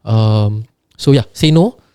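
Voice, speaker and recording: A man's voice: fairly low pitch, slow pace, a little mellow, smooth, dry recording. A man with a Singaporean accent explaining things casually in an interview, emphatic and repetitive, often tagging his sentences with "right" and "lah". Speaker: podcast guest.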